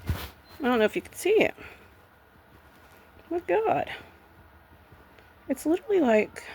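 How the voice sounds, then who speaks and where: A woman's voice: high voice, sing-song, takes it slowly, a little mellow, slight background noise. A woman vlogging in a casual, blunt rant, swearing freely and sounding nervous and shaky. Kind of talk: casual ranting vlog.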